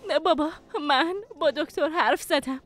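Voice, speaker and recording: A woman's voice: high-pitched, a bit bright, faint music behind. A woman dubbing a young daughter who speaks anxiously and tenderly at her sick father's bedside. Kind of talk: Persian dubbing of a drama series.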